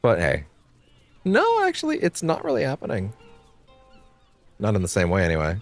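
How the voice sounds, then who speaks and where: Low-voiced casual male game streamer. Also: huge pitch swings, moderate pace. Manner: informal, sweary, thinking aloud. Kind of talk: casual live gameplay commentary. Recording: game music behind voice. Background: game music.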